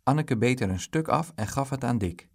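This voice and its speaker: A man narrating a children's storybook in an expressive, lively way. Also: medium pitch, normal speed, vocal fry, breathy edge. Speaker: audiobook reader.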